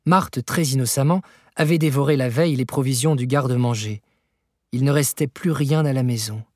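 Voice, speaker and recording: A man reading a novel aloud in a measured, even storytelling manner, with a husky voice. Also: mid-range voice, no echo, studio quality. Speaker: audiobook narrator. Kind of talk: scripted literary narration.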